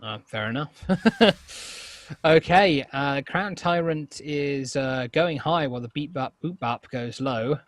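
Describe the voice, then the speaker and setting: A man's voice: medium pitch, a little slow, no room sound. A man co-commentating a competitive game match, mixing jokey asides with play description. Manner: playful, jokey asides, loud surprised exclamations. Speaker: esports co-commentator.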